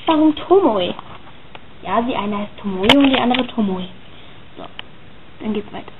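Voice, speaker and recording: A woman's voice: mid-range voice, normal speed, very noisy. A woman chatting casually and hesitantly as she comments on her own drawings and reads their captions aloud. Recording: tinny phone-like sound.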